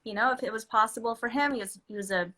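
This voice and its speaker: A woman in her thirties from the Philippines, whose first language is Filipino, speaks fast in a high, bright voice as a guest in a casual interview. She owns a beauty business and talks about it chattily, laughing often and tripping over her sentences with many restarts.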